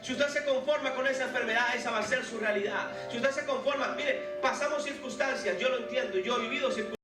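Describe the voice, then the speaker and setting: A man's voice: extremely high pitch, fast talker, far from the mic. Pastor guy preaching hard in a big echoey hall, music playing behind him. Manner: fervent, exhorting preacher. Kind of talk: sermon. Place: large church hall.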